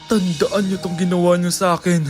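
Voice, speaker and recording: A woman's voice: lowish voice, flat delivery, moderate pace, music in the background, voice pushed down, lightly acted. A woman voicing a sulking student who mutters threats of revenge. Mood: vengeful.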